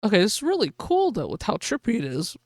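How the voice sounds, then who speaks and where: A woman hosting a live gaming stream, excitedly calling a race like a sportscaster for her viewers. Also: medium pitch, fairly quick, no room sound, clean studio sound. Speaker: livestream host.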